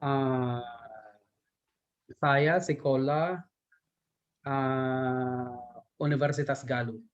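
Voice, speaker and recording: A man from Thailand, native Thai speaker, giving halting, hesitant answers as a student in a beginner class. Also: medium pitch, fairly even intonation, smooth. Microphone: video call. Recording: muffled video call audio.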